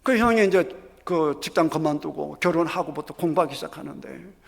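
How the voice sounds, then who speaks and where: High, gravelly-voiced male pastor preaching. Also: brisk. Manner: emphatic, acts out scripture scenes dramatically. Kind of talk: sermon. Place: church sanctuary. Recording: echoey church hall.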